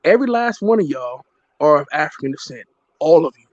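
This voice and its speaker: Man, casual talk, blunt and insistent, slightly high voice, dry dull lo-fi recording. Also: sing-song, fairly quick, a little mellow, no room sound. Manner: blunt, insistent, repeats himself. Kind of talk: casual chat.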